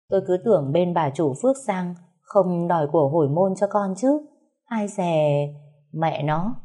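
A woman's voice: on the low side, dark tone. A woman narrating a first-person story in an emotional, plaintive way.

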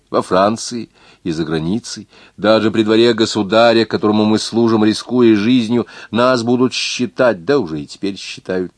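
A man's voice: fairly low pitch, no room sound, lightly acted. A man voicing an earnest young outlaw noble. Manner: earnest, pleading delivery. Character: young noble outlaw, proud and anxious lover. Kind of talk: audiobook reading of a novel.

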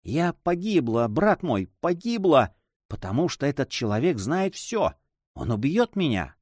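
A man's voice: fairly high pitch, big pitch swings, a little slow, dry recording, studio quality. Man voicing Donna Clara, frightened young noblewoman. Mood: desperate. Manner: pleading, emotional, soft. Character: anxious young noblewoman, the hero's sister.

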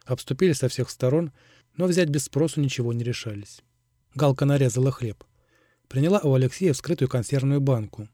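Dark-voiced male audiobook narrator. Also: medium pitch, a little fast, no echo, studio quality. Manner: steady, even reading. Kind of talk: scripted narration.

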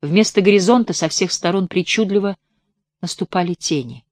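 A woman narrates a mystical story for an audiobook, measured and even. Her reading is steady and literary. The recording is dry and close. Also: fairly low pitch, no echo. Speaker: audiobook reader.

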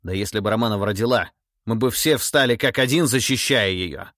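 A man's voice: fairly low pitch, fairly quick, a bit bright, no room sound, studio quality, natural voice. A man voicing a proud, accused grand prince in an audiobook, speaking in a tense, raised, indignant way. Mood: defiant. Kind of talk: audiobook character voice.

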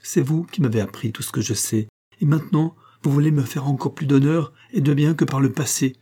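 A man's voice: medium pitch, fairly quick, warm tone, slightly rough, natural voice. Man reading as a timid, tearful orphan boy. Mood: humble, sad. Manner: humble, pleading.

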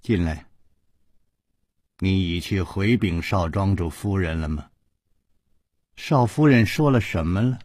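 A man's voice: low voice, expressive, slow, pauses often, darkish tone, slightly rough, dry recording, studio quality, voice pushed down, heavily acted. A man doing a cool, knowing young lady.

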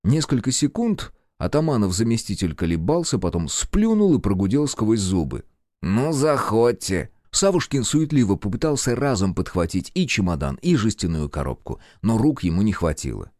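A man narrating an audiobook in an expressive storytelling manner. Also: on the low side, fairly quick, hardly any pauses, no echo, studio quality.

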